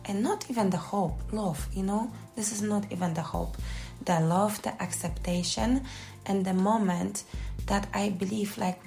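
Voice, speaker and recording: A woman with a gravelly, dark voice talks through her own podcast in an unscripted, personal way. She restarts words and leans on "you know" as she gathers her thoughts. Faint music plays behind her. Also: fairly low pitch. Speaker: coach and podcast host.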